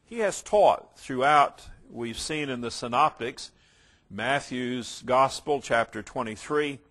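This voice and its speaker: In a slow, mid-range voice, a man works through a Bible passage verse by verse, reading with rising emphasis. He then drops into quieter explanatory asides, occasionally stumbling and restarting a phrase.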